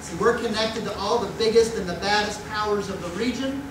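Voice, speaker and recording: A middle-aged male pastor preaches from the pulpit in a chatty, questioning way, slipping into mock voices. His fairly high voice rings through a big echoey sanctuary, caught from far off with steady background noise. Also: brisk. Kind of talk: sermon. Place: church sanctuary. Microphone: far room mic at a pulpit.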